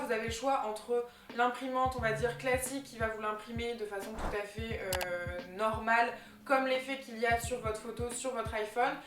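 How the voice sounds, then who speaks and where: A young woman vlogger chatting enthusiastically about gift ideas, with plenty of fillers. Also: on the high side. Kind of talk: casual vlog chat. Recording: echoey room with faint music.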